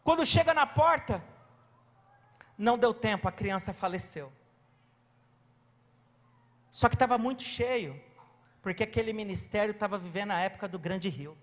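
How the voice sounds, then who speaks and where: A man in his forties preaching a sermon in a church, telling a story with animation and breaking into shouts. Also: sits high, expressive, moderate pace, long pauses. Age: 40s. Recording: long church reverb.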